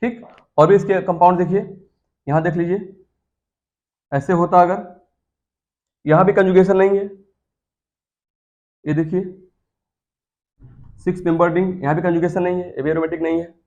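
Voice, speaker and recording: A man's voice: high voice, steady tone, moderate pace, long pauses, a little mellow, muffled recording. A man teaching chemistry in a classroom lecture. He coaxes his students, repeats key terms and keeps asking them questions.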